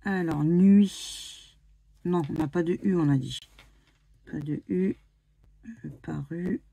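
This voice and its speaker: French woman, slow husky scratch-card commentary, spells letters aloud. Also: lowish voice, warm tone, no echo. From France. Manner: spells out letters one by one, muttering and hesitant. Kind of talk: casual commentary while playing scratch cards.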